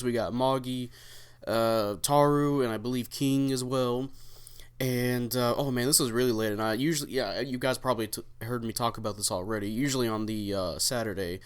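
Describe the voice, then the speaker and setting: A young man with a smooth, clean voice and a middle pitch talks through his own gameplay. He rambles in a relaxed way, with plenty of fillers and casual swearing, like a channel host chatting to regular viewers.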